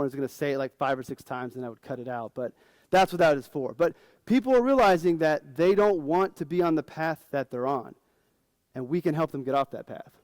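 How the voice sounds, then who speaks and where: A man's voice: fairly high pitch, darkish tone, dry recording. A man in his forties, a financial advisor, giving a casual, frank conference talk to fellow advisors.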